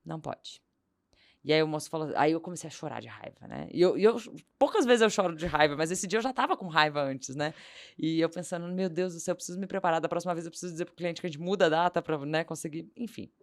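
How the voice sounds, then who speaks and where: A woman's voice: low-pitched, fast talker. A woman, a podcast guest telling a story and acting out the lines of the people in it. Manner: animated anecdote-telling, acting out quoted dialogue. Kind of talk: storytelling in casual interview.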